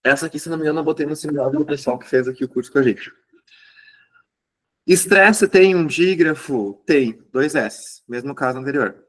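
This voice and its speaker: A man's voice: on the high side, animated, a little fast, a bit bright. A male teacher, giving an exam review lesson and checking in with listeners as he explains. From southern Brazil.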